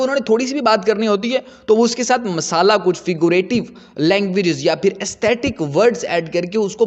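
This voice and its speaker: A man's voice: high voice, long reverb tail, muffled recording. A man giving an explanatory lecture as a teacher, repeating points for his students.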